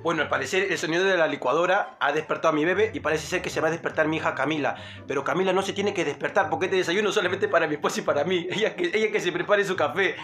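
A man's voice: on the high side, very fast, hardly any pauses, a bit bright, faint music behind. A man with a Peruvian accent hosting a playful, jokey mock cooking show from his home kitchen. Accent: Peruvian Spanish. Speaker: comedic vlogger.

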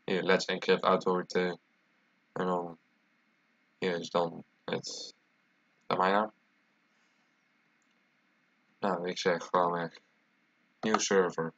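A man's voice: low voice, flat delivery, slow, long pauses, fairly bright tone, dry recording. A man with a congested, stuffy-nosed voice, casually presenting a screencast tutorial as he types. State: congested with a cold, stuffy nose. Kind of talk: casual screencast tutorial, talking while typing. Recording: dull lo-fi mic, clear background noise. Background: keyboard typing and clicking.

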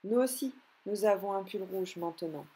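A woman voicing a lively, proud little squirrel child in a storybook, who talks in loud exclamations. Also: mid-range voice, normal speed, husky, close to an everyday voice.

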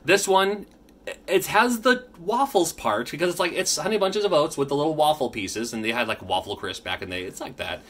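A man's voice: a little high, expressive, brisk, fairly bright tone. A man in his thirties, a father, hosting a casual unboxing vlog, chatty and rambling with frequent restarts. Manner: chatty, rambling, self-correcting. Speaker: YouTube host. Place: home room with his kids.

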